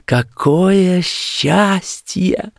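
A man's voice: mid-range voice, big pitch swings, slow pace, vocal fry, breathy edge, no room sound, studio quality, voice pushed up, exaggerated voice. A man voicing a young lovesick male student in a storybook reading, exclaiming with earnest rapture. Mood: elated.

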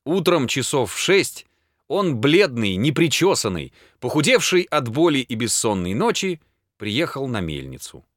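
A man narrating classic prose as an audiobook, with expressive, dramatic delivery. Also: mid-range voice, measured pace, no room sound, studio quality.

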